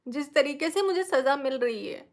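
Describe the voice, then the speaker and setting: Woman, high-pitched voice, tearful, indignant, pleading, repeats herself, live from her bedroom on a phone. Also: lively intonation, normal speed. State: tearful, crying. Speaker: social media creator. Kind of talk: emotional live-stream appeal.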